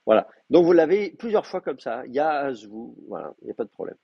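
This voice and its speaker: A man teaching an advanced Hebrew class, explaining grammar with hesitant pauses, restarts and fillers. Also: medium pitch, big pitch swings, vocal fry, husky, no room sound. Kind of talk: classroom lecture. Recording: muffled, dry classroom recording.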